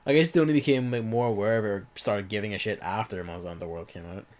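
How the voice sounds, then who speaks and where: A man's voice: on the low side, fast, a little mellow. A man with an irritated throat and a cough, rambling through casual let's-play commentary with offhand swearing and muttered asides. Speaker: gaming video host.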